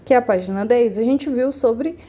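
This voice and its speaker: A woman's voice: fairly high pitch, normal speed, mellow. A woman teaching a remote class, explaining patiently and often checking that her students follow.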